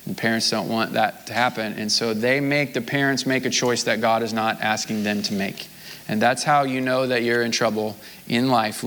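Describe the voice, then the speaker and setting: A pastor preaching a sermon, earnest, reading scripture with rising intensity. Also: male voice, fairly low pitch, fairly bright tone, long reverb tail, a little hiss or hum.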